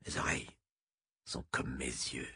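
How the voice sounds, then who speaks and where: A man playing a terse old masked mutant scout in an audiobook, speaking low and clipped through a deep, deeply husky voice. He sounds guarded and spare with words. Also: lively intonation, unhurried, fairly bright tone, heavily acted.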